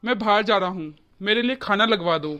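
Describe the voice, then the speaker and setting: A woman's voice: medium pitch, a little fast, sharp tone, voice pushed down, natural voice. A woman voicing an impatient middle-aged husband and father-in-law in a cartoon, speaking in curt requests.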